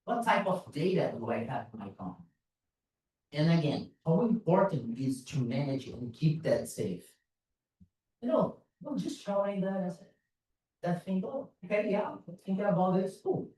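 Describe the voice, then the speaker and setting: His voice sits high with big pitch swings, a darkish tone, and a moderate pace. He's a man from Brazil with a Brazilian Portuguese accent, a security consultant giving a laid-back, self-mocking conference talk full of "like" and "you know." The recording comes from far away in an echoey hall, a large conference room.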